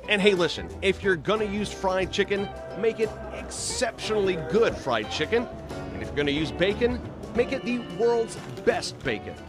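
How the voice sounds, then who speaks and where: Music plays in the background as a man in his forties, high-voiced and animated, demonstrates home cooking at a moderate pace. The upbeat kitchen segment is chatty and full of jokes, filmed by a wide counter camera.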